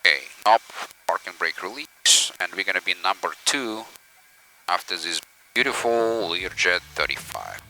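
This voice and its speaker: Male pilot-reviewer, forceful bright tone, explanatory checklist narration from a cockpit headset. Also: low-pitched, very animated, normal speed, low-quality recording. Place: cockpit of a small airplane. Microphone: aviation headset in cockpit.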